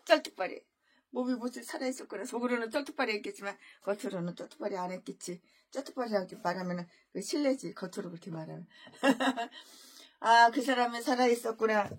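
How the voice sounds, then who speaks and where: A woman pastor preaching an expository sermon, often repeating and restarting words, swinging between loud emphatic peaks and quiet asides. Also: mid-range voice, fast, breathy edge.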